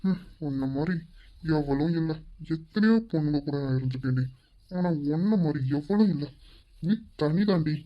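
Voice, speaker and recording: A woman's voice: low-pitched, normal speed, highs cut off, natural voice. Woman playing a leering spoiled grandson. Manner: leering, taunting. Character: lecherous young man, pampered grandson.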